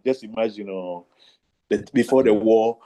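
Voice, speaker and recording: A man's voice: fairly low pitch, moderate pace, warm tone, low-quality recording. A man with a Ghanaian accent chatting casually in a Rastafari reasoning manner, mixing Pidgin-flavoured English with Twi. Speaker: participant in an online Rastafari discussion. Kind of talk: casual chat.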